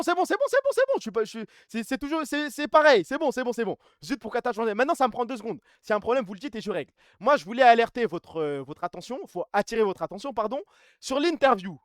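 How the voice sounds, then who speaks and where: A man streaming live, reading out reviews and news and answering his chat in quick, slangy speech. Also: sits high, fairly bright tone, no room sound, studio quality. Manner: fast, slangy, reacts to chat. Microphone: streaming mic, gain adjusted mid-stream.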